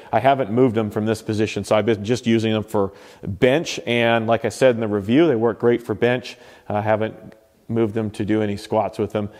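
A man gives an offhand tour of his garage home gym, talking about his equipment with loose fillers and self-corrections. His voice is fairly low and a little mellow, with a big-room sound.

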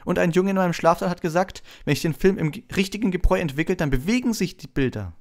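A man's voice: sits high, animated, quick pace, darkish tone, pitched above the performer's own voice. A man voicing an eager, breathless young schoolboy who gushes and stumbles over his words in an audiobook reading.

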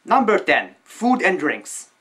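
A man's voice: high voice, very animated, slow, noisy background. A man gives casual, joking tips on fursuiting, his voice muffled through a costume head. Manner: joking, blunt, swears for emphasis. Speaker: vlogger giving fursuit tips.

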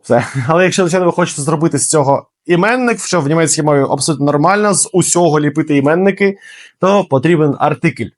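A young man teaching German in a casual video lesson, explaining quickly and lively, with fillers and emphatic repeats. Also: on the high side.

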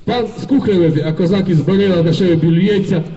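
A man performing a folk tale live on stage, telling it in a lively, vivid way. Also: high-pitched, quick pace. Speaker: folk storyteller. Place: concert hall, live audience. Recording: dull distant concert-hall recording.

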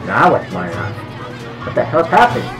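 A man's voice: lowish voice, huge pitch swings, normal speed, a crowd in the background. A young man giving casual, bemused reactions in short exclamations to a cartoon. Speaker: reaction video host. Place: small bedroom. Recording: echoey room with cartoon soundtrack behind. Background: cartoon audio with music.

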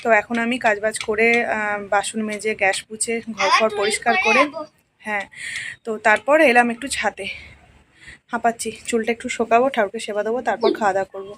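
Young woman, Bengali accent, casual vlog, rooftop garden, soft chatty tone, slightly high voice. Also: a little fast, background noise. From Bengal, India. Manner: chatty, walking tour, points things out while picking flowers; speaks a little softly on the roof. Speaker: vlogger, housewife. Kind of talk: casual vlog narration to viewers. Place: rooftop garden of a home, outdoors.

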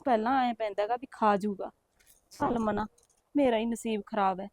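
A woman's voice: on the high side, moderate pace, no echo, natural voice. A young woman with a Punjabi accent playing a newly married wife who coaxes and complains to her husband. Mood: lamenting. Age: young adult. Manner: soft, coaxing, complaining. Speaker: actor in a short film. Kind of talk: village short-film acting.

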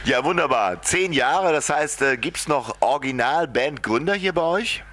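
A man's voice: fairly high pitch, animated, moderate pace, a bit bright. A male host of a local TV talk show who interviews a band in a friendly way, asking short questions. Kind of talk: TV interview hosting. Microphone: handheld mic.

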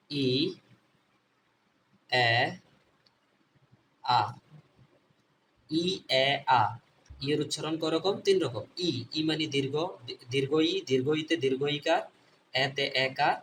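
The online phonics lesson is led by a man whose accent is Bangladeshi Bengali; he repeats points and asks and answers questions on his own. He talks fairly quickly in a voice on the high side, slightly off a distant mic, with faint noise in the background.

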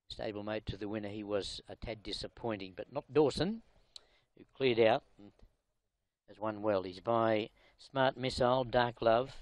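Brisk male horse racing commentator. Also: mid-range voice, dry recording. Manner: brisk, informal, rising emphasis on horse names. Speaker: race caller.

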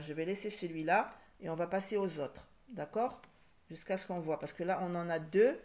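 A woman teaching a French phonics lesson, slowly repeating each word for her learners. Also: on the low side, a little mellow.

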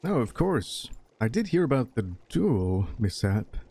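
A man's voice: mid-range voice, big pitch swings, measured pace, gravelly, warm tone, slightly rough, heavily acted. A man voicing a nervous male merchant who stammers and hesitates in a tabletop game. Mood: polite.

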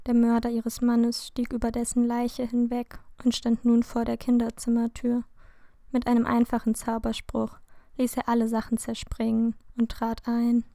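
A woman reads a fan fiction story aloud in a slow, steady narration. Her voice sits a little high but sounds mellow and warm, with very little rise and fall. The recording is close and dry, with no room sound. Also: vocal fry, dry recording. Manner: slow, calm, even reading. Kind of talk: scripted narration.

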